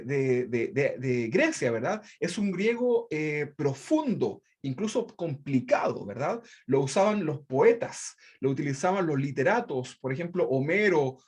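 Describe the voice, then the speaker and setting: A man's voice: a little high, a little mellow, slightly rough. A man teaching a Bible study class, explaining step by step, often checking in with "right?" and restarting words. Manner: explanatory, repeats "¿verdad?" often, frequent restarts; refers to projected slides.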